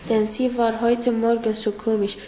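A woman's voice: a little high, little pitch movement, normal speed, mellow, natural voice. A woman reading a worried schoolgirl. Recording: roomy echo, faint background hiss.

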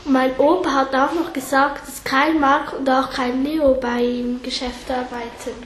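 Earnest caring girl read by a woman, high voice, plain storybook reading. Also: little pitch movement, moderate pace, a bit bright, echoey room, a little hiss or hum. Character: caring girl, granddaughter of a forester.

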